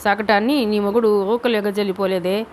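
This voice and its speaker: A woman voicing a greedy, harsh, sarcastic middle-aged father who speaks slowly in a rustic, mocking way. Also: medium pitch, steady tone, a little mellow, a little hiss or hum, lightly acted. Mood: scornful.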